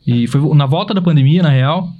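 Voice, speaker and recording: A male DJ guest talking about his gigs in a relaxed, slangy way. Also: on the high side, brisk, muffled recording. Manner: laid-back slangy talk. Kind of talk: casual interview chat.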